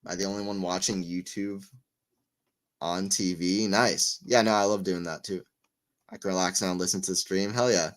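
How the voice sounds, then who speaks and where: On a live stream, a deep-voiced man at a moderate pace gives tennis play-by-play for a watchalong while chatting with viewers. He gets excitable during rallies and big points, then rambles and pokes fun at himself between points.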